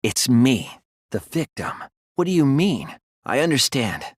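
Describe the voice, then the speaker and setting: A young male detective in a dramatic anime video game. The voice is a little breathy and recorded close and dry, with lively, wide-ranging pitch. He sounds earnest and unsure at times, then argues with real force. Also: unhurried, no room sound. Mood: tense, questioning. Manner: earnest, hesitant, turning forceful when arguing. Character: earnest teenage boy detective, hesitant but determined.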